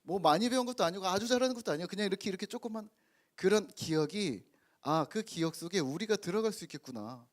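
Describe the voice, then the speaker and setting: A man's voice: high-pitched, animated, quick pace. A middle-aged man preaching a sermon in church, telling stories about his family and congregation and acting out their voices. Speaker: pastor. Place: church sanctuary.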